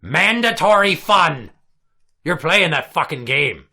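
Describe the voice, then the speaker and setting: A man putting on a gruff old sea captain. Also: a little high, expressive, slow pace, pushed and bright, pitched above the performer's own voice, heavily acted. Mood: menacing, bossy. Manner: gruff, crude, bossy, teasing. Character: gruff, foul-mouthed old salty sea captain, a pirate show host. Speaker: comedy show host. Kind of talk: mock interview with a child guest.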